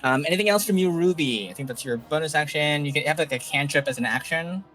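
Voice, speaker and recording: A man's voice: on the high side, fast, fairly bright tone. A man narrating a tabletop game casually as game master. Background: faint music.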